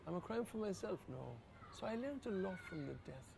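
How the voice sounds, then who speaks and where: An older Irish priest with a deeply gravelly, fry-laden voice tells personal stories in an interview. He speaks earnestly and quietly, with a faint hiss of room noise behind him. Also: a little fast. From Ireland. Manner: earnest, quietly emotional, rises to lively laughter. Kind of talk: reflective personal storytelling in an interview.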